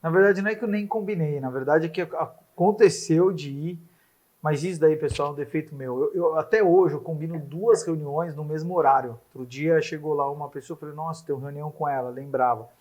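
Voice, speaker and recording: A man sits in as a podcast guest. His voice is slightly high and he talks in an easygoing, casual way, laughing along and admitting his own faults without fuss. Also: brisk. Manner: relaxed, apologetic, laughs along. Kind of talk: casual chat.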